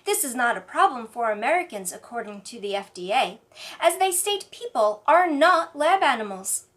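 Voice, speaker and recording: A woman delivering scripted parody news as an anchor, in a deadpan newsreader manner. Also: on the high side, normal speed. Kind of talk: scripted mock newscast narration.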